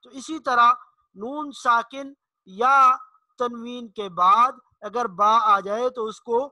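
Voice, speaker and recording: High-pitched, slow Quran teacher. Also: male voice, fairly even intonation, pushed and bright, no echo. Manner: drawls example words slowly and repeats them. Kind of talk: slow explanatory lesson.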